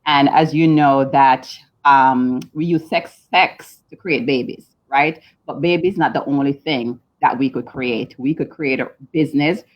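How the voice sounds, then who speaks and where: A woman's voice: a bass voice, measured pace. A woman with a Jamaican accent, a guest coach talking casually in an interview with frequent ums. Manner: relaxed, chatty, frequent ums. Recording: dull lo-fi sound.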